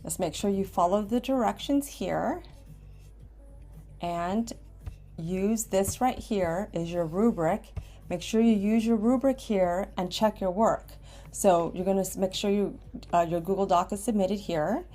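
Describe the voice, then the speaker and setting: Warm and mid-pitched, the voice belongs to an American ESOL writing teacher from Washington State, delivering a step-by-step screen tutorial at a measured pace. Simple instructions are punctuated by checking "okays." She records indoors at her computer, screen and webcam both capturing the lesson.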